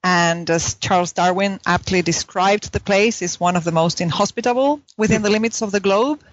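Speaking at normal speed with a mid-range voice, this woman is a philosophy professor from southern Chile, a native Spanish speaker with a Chilean accent. She is an academic guest in a conversational interview, telling her own story, and the recording's highs are cut off.

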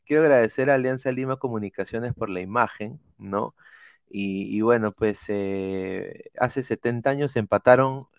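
Smooth-voiced Peruvian stream host. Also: male voice, fairly low pitch, moderate pace, no room sound, studio quality. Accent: Peruvian Spanish. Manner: relaxed, laughs often, greets viewers. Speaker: host of a football live stream. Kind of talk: casual live-stream chat.

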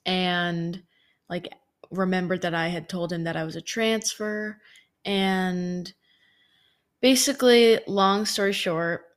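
Chatty young woman, lower voice. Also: takes it slowly. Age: 20s. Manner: chatty, frequent "like" fillers. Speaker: podcast host. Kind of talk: casual storytelling monologue.

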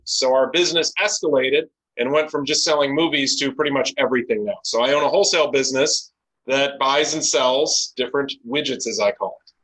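A man's voice: mid-range voice, fairly bright tone, low-quality recording. A man in his forties answering interview questions, telling long stories and listing things off as he goes. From United States. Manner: rambling storyteller, lists things off. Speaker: podcast guest, business owner.

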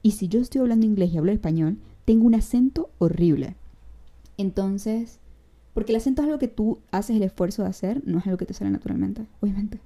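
A young woman with a Venezuelan accent talks straight to her listeners in a casual solo podcast, sprinkling in slang as she gives advice. Her voice is deeply mellow and dark, sitting at an ordinary pitch for a woman. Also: brisk. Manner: chatty, direct, addresses the listener with advice. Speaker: podcast host.

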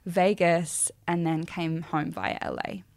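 A woman's voice: fairly low pitch, fairly even intonation, slow, a little mellow, no room sound. Woman podcasting, close and dry. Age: late 20s. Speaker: podcast host. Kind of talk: casual comedic chat.

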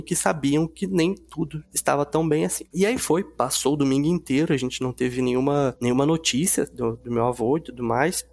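A man's voice: medium pitch, vocal fry, darkish tone. A man in his twenties, a podcast guest, telling a personal story in a casual, loose way with many fillers.

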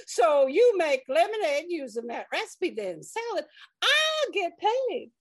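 A woman's voice: extremely high pitch, sing-song, unhurried, no room sound, studio quality. A woman hosting a comedic radio cooking show, folksy, huffy and theatrical.

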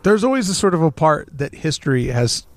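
A man chats as a podcast co-host, telling stories with plenty of animation and slipping into little quoted voices. His voice sits a bit high for a man. The sound is dry and close, with no room around it. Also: sing-song, brisk, no echo. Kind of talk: casual chat.

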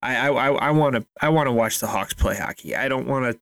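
A man's voice: mid-range voice, fast, creaky, fairly bright tone, no echo. Blunt, emphatic man co-hosting sports talk. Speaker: sports podcast co-host. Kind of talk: casual opinionated sports chat.

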